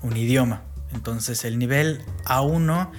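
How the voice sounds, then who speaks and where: A man's voice: medium pitch, measured pace, soft background music. Mexican man, bilingual, chatting on a podcast. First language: bilingual English and Spanish. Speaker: podcast co-host. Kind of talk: casual podcast chat.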